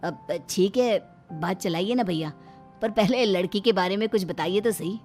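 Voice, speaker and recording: A woman's voice: medium pitch, normal speed, a little mellow, faint music behind, close to an everyday voice. A woman voicing a hearty village husband. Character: easygoing middle-aged village husband and father.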